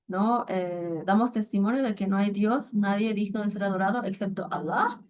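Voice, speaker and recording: A woman's voice: mid-range voice, normal speed, darkish tone. Woman teaching an informal online class, hesitant and chatty, keeps asking if listeners follow. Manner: hesitant, thinking aloud, keeps checking with listeners. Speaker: Quran and Arabic teacher. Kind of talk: casual online lesson.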